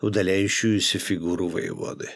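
Male audiobook reader, low voice, measured storytelling. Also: steady tone, gravelly, fairly bright tone, dry recording, clean studio sound. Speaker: narrator. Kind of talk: audiobook narration of historical fiction.

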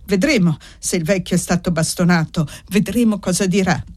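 A reader voicing a defiant, feverish young peasant woman who cries out in high, strained bursts. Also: unhurried, mellow, natural voice.

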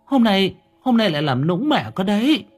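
Male narrator doing a worried old village mother, stammering and pleading, pitched high and husky, faint music under. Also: very animated, normal speed, heavily acted. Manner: pleading, calling out, stammering repeats. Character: elderly village mother, frail and anxious.

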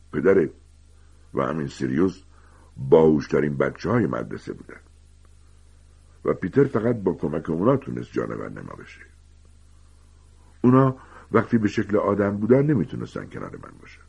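A man voicing a gentle, weary grown male teacher who calmly confides old secrets in a storybook reading. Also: very deep voice, creaky, slightly rough, full character voice. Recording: dull lo-fi recording.

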